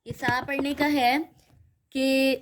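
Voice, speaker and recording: A woman's voice: high voice, level tone. A woman teaching a children's Quran reading lesson, explaining each sound patiently and often stopping to check that the listener follows. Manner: explains slowly, checks in with "theek hai?" often; models letter sounds, drawn out and repeated.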